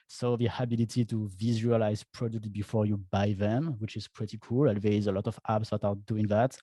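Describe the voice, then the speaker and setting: A man's voice: lowish voice, dark tone, no echo. A man with a French accent giving a casual presentation as an e-commerce founder, chatty, with frequent restarts and stammered repeats.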